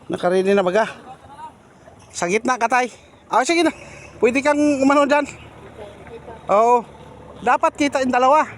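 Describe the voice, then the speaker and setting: Male vlogger, high voice, chatty and directing people for photos, light outdoor hum behind. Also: normal speed, pauses often, a bit bright. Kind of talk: casual travel vlog.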